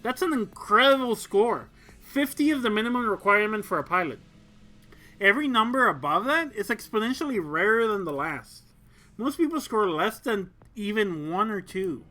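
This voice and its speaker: A crisp young lieutenant with a bright, forceful edge to her voice, as a reader puts her on. She sounds assured and steady, giving orders and reassurance in a clipped command tone. A faint bed of music sits under the storybook reading. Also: mid-range voice, normal speed. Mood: reassuring. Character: brisk confident young woman squadron lieutenant. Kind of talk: audiobook reading of a mecha story.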